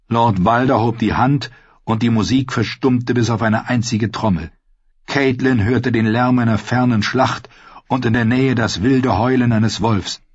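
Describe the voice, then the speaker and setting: Husky male audiobook narrator. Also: medium pitch, no room sound, lo-fi sound. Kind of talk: scripted narration.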